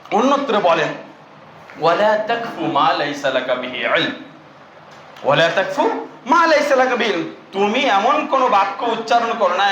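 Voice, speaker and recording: A male preacher with a West Bengal Bengali accent delivers an emphatic sermon in a very high voice. He slows down for recited Arabic verses. The recording carries the echo of a hall and a faint background hiss. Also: fairly bright tone. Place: mosque or religious gathering hall. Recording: echoey hall, faint noise.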